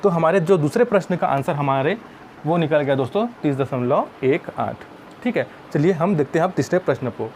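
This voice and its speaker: A man's voice: a little high, darkish tone, slight background noise. Patient Hindi math teacher, man. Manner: patient, often addressing viewers as friends. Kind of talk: step-by-step classroom explanation.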